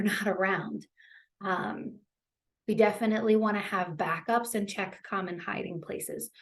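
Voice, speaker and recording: A young adult woman teaching caregivers in a relaxed, conversational way, with frequent fillers and a reassuring manner. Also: medium pitch. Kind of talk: educational talk to caregivers.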